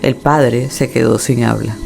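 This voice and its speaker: A man narrating a true horror tale in a measured, dramatic way. His mid-pitched voice has a gravelly, creaky edge. Soft music runs beneath it. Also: steady tone. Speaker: storyteller.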